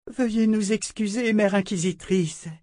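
A man's voice: high-pitched, unhurried, darkish tone, dry recording, studio quality, pitched above the performer's own voice. A man voicing a stern, insistent woman of a magical religious order in a storybook reading, speaking with cool gravity. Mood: solemn, placating. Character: stern female sister of a sorcerous order.

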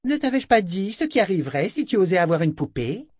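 A man's voice: high-pitched, sing-song, a little fast, a little mellow, husky, no echo, studio quality, voice pushed up, exaggerated voice. A man voicing a cruel, spoiled young princess in a storybook reading, mocking and imperious. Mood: sneering. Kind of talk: storybook read-aloud voice.

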